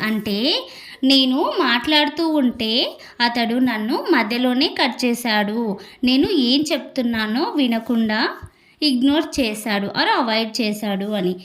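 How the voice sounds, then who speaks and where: Slow, careful Telugu-accented woman teacher. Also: on the high side. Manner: reads English phrases slowly, then explains quickly in Telugu. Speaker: English teacher. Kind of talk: spoken English lesson.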